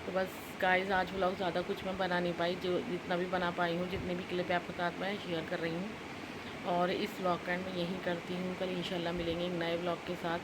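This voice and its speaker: Chatty woman vlogger over loud noise. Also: fairly low pitch, completely flat delivery, brisk. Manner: chatty, addresses viewers as guys. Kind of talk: casual home vlog chat. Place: home kitchen.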